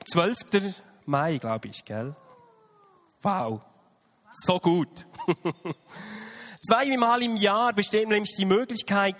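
A pastor speaks to his congregation in a high, light voice. He talks in a relaxed, chatty way, full of small fillers. His voice carries a long reverb from the church hall. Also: slight background noise. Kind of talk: sermon welcome to congregation.

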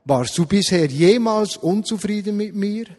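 A man voicing a patient, wronged female donkey that calmly asks why it is being beaten, in a sermon retelling. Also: sits high, unhurried, big-room sound, pitched above the performer's own voice. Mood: plaintive. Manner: plaintive, reasoning calmly.

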